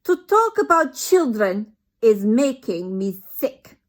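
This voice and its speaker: A woman voicing a vicious, imperious female witch leader who shouts in broken, bossy grammar. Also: sits high, big pitch swings, takes it slowly, voice pushed up, full character voice. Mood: ranting.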